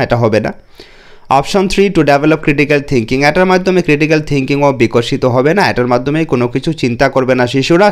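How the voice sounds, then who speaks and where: A man with a fairly high voice walks through exam questions. He reads the English question text slowly, then explains each option in Bengali. He often repeats "remember" and "okay?" as he teaches. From India. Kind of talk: exam question walkthrough lesson.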